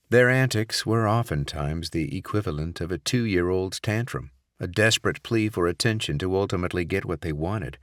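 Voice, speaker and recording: A man with a fairly low voice reading a thriller audiobook. He narrates in a steady, measured way, on a dry, close recording. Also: no echo.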